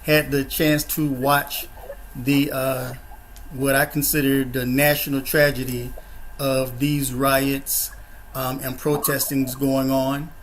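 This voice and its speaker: A man hosts a panel discussion over a video call. His pitch stays in the middle of a man's range but barely moves, so the delivery sounds even and monotone. He keeps it measured and pads it with uh and um. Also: a little hiss or hum. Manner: measured, flat delivery with frequent uh and um fillers. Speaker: host of a discussion forum.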